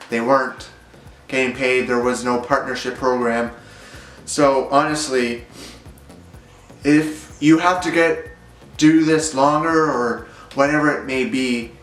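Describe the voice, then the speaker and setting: A man's voice: mid-range voice, a bit bright, roomy sound, rough recording. A young man rambling through a casual vlog monologue, hesitant and full of fillers. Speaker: YouTuber.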